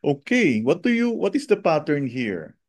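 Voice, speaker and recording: A man's voice: a little high, sing-song, normal speed, no echo. A man with a Filipino accent teaching an informal online review, mixing Tagalog and English and often checking in with short tag questions. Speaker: teacher of a Chinese medicine review.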